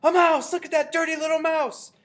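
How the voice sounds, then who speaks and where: A man voicing angry, jeering male kitchen workers in a storybook reading, shouting roughly and urgently. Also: extremely high pitch, flat delivery, fairly quick, voice pushed up. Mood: outraged.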